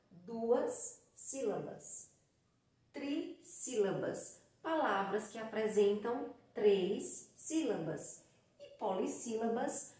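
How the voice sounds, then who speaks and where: A woman with a Brazilian Portuguese accent teaching a children's lesson, counting out syllables slowly in a sing-song way. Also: fairly high pitch, a little mellow. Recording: very echoey room, from far off the mic.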